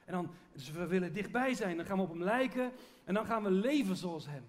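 Preacher, male, higher-pitched, earnest conversational sermon with restarts. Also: expressive, brisk. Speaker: pastor.

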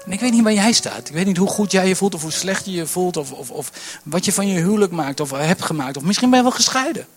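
A man preaching a sermon from a church stage, impassioned and building to near shouting, often repeating words as he starts a sentence. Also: high voice, expressive, fast talker, few pauses, soft background music. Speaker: pastor.

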